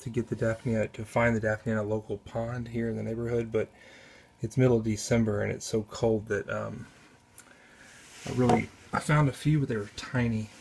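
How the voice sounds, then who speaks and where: A man giving casual off-camera commentary on his home aquarium, talking in a relaxed, halting way with many restarts, recorded on a camera mic in a spare bedroom. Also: fairly low pitch, vocal fry, slight background noise. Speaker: aquarium hobbyist.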